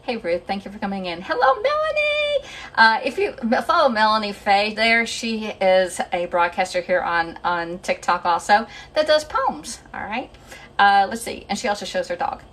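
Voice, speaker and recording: A woman's voice: medium pitch, normal speed, a bit bright. A woman hosting a casual live cooking stream from her home kitchen, chatting and greeting viewers by name, a little out of breath. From Northeast Pennsylvania. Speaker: home cooking livestream host. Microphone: phone camera.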